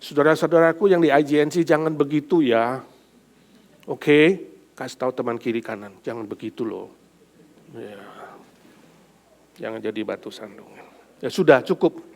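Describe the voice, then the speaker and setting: A male pastor preaching a sermon, swinging from loud emphatic build-ups to soft, low asides and mixing in casual speech. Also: moderate pace, pauses often. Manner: mixes casual speech and English phrases into preaching. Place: church sanctuary.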